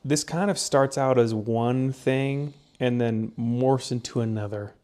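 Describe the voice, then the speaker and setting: Speaking a little slowly in a medium-pitched, darkish voice, a young podcast co-host chats casually about research. His explanation wanders, packed with fillers and false starts.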